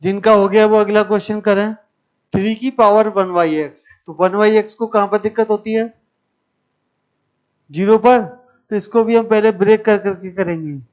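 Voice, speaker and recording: Male math teacher, high clear voice, talks students through each step, dull lo-fi recording. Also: steady tone, moderate pace. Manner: explains step by step, questions the class. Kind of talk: classroom lecture.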